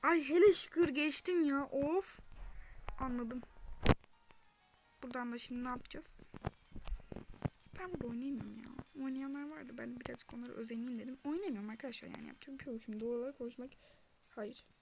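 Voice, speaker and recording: Over music, a young woman talks casually through her own gameplay for a gaming channel, often slipping into whispers and yelping when something chases her. Her fairly high voice is brisk and gravelly, broken by long pauses.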